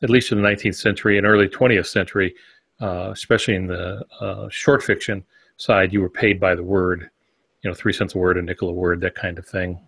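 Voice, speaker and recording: Husky low-voiced man rambling casually. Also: fairly even intonation, fairly quick, fairly bright tone, dry recording. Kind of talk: casual podcast chat.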